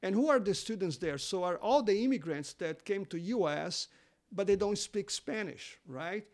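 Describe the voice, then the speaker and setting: A seminary teacher who isn't a native English speaker appears as a guest on a podcast interview. His voice sits high with lively intonation, and he speaks haltingly, full of fillers and restarts.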